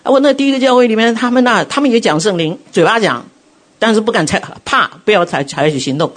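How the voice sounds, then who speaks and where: A middle-aged woman preaching a sermon, telling her own testimony in an animated way and acting out quotes. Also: medium pitch, fast. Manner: animated storytelling, acts out quotes.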